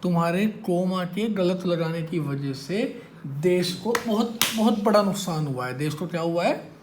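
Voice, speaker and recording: A man's voice: sits high, animated, a little slow, noisy background. A male maths teacher lecturing a class, teasing and quizzing his students as he goes.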